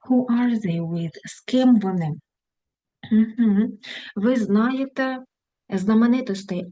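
Mellow-voiced woman teaching an English lesson. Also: mid-range voice. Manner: reads textbook lines then translates; affectionate diminutives to students.

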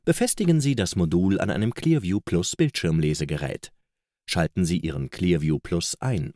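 A man's voice: low voice, expressive, normal speed, darkish tone, no echo. A man reading scripted promotional narration as the narrator of a product video, recorded close in a studio. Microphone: close studio voice-over microphone.

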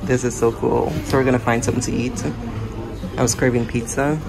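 Her voice is gravelly and rumbling low, a little fast but level in tone, as this travel vlogger chats upbeat to her camera. She calls her audience "you guys" on walks through the streets and in small cafes, all under loud background music.

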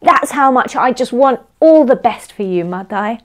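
A woman voicing a gentle male saint in a storybook who eagerly repeats himself as he forgives. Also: fairly high pitch, animated, moderate pace, natural voice. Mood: joyful.

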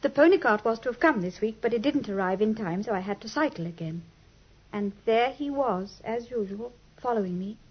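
Expressive and a little fast, this woman's husky, slightly high voice belongs to an actress portraying a genteel young British lady client in the manner of 1950s radio drama. She sounds earnest and uneasy, a young adult with a British English accent. The audio is muffled, lo-fi 1950s radio quality.

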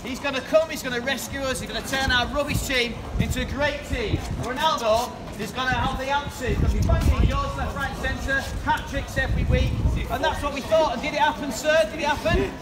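A man's voice: very high-pitched, steady tone, brisk, few pauses, crowd noise. A man, preaching in the open air and chatting directly with passers-by, asking them questions. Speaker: street preacher. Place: rainy town-centre pedestrian street, outdoors. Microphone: far camera across the street. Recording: distant street recording with loud outdoor noise.

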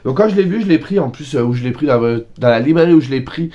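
A man's voice: medium pitch, animated, fast talker, dark tone. Chatty self-mocking man. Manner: chatty, self-mocking, talks to himself by name. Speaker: book vlogger. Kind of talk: casual book haul chat.

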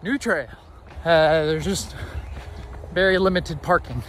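A man's voice: on the high side, slow, a bit bright, slight background noise. A man rambling casually and playfully to his vlog while he runs along an outdoor trail. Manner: talking while running outdoors. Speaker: vlogger.

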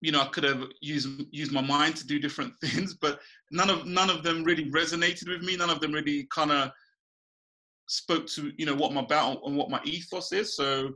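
A Ghanaian man in his thirties who runs a small business chats easily on a webcam video call from a small room at home. His voice sits on the high side and moves a little fast, and he laughs a lot and keeps restarting his sentences.

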